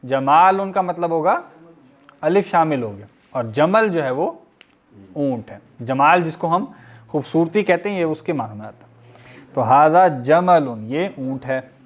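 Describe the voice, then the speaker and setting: A man teaches a recorded lesson at an unhurried, careful pace. He reads each word aloud and then explains it. His voice sits slightly high for a man. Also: animated. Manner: slow and deliberate, reads Arabic words then explains them. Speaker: Arabic teacher.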